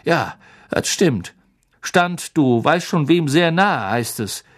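An audiobook reader voicing an excitable, gossipy young male bus conductor who tells a story dramatically and keeps asking for agreement. The reader pushes the voice up and gives it extra force. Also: mid-range voice, slow. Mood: gossipy, dramatic. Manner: dramatic, chattering, eager for agreement. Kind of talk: audiobook character voice.

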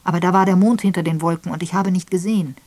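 Woman doing an old lady detective, firm, measured, clear, audiobook. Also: on the low side, fairly even intonation, darkish tone, dry recording, close to an everyday voice. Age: older. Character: elderly spinster sleuth, firm and authoritative.

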